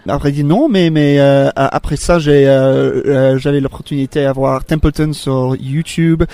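Halting male actor guest. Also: medium pitch, fairly even intonation, warm tone, no echo. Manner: halting non-native speech with many repeats and searching for words. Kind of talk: casual studio interview.

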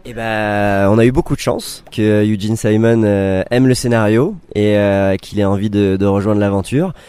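Male director guest, low, mellow voice, relaxed talk with restarts, dry sound. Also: moderate pace, smooth, no echo. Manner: relaxed explaining, with restarts and fillers. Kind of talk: casual studio interview.

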